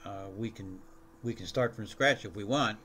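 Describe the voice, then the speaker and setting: Board member, lower male voice, measured, faint hiss behind. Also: a bit bright. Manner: deliberate, restarts often. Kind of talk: meeting discussion.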